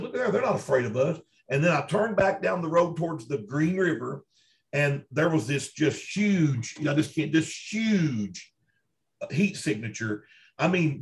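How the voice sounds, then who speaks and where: A man with a Kentucky accent telling first-hand stories in a folksy, emphatic, conversational way, repeating himself for emphasis as an interview guest. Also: on the high side. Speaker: interview guest, Bigfoot researcher.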